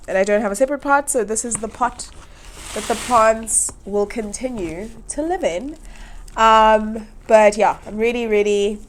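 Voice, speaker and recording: A young woman hosting a plant channel, chatting casually while repotting, her voice nasal from hay fever, often giggling and rambling. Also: medium pitch. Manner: giggly, rambling, chuckles to herself.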